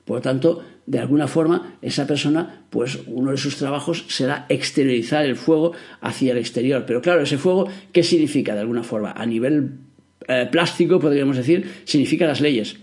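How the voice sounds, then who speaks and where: A man's voice: mid-range voice, fairly quick, darkish tone. A middle-aged man, teaching astrology in a spoken lecture, explaining patiently with rhetorical questions and fillers.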